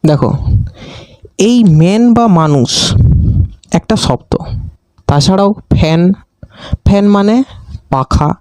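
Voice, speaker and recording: A man teaching a grammar lesson, asking questions and answering them himself and repeating definitions slowly. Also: a little high, animated, darkish tone, clear, resonant tone, dry recording.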